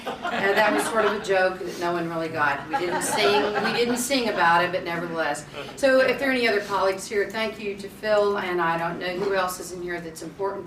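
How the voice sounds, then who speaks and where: Lady joking around as panel moderator, lowish voice, roomy sound from far off. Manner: chatty, joking, self-deprecating. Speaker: panel moderator, state representative. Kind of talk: public speaking at a panel. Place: conference room. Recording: roomy, distant mic, faint noise.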